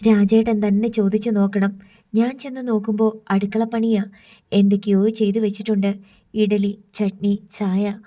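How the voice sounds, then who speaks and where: A woman's voice: medium pitch, level tone, moderate pace, warm tone, lightly acted. A woman voicing a worried middle-aged mother who scolds her daughter with a shaking voice. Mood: hurt, subdued. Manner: scolding, voice trembling with hurt.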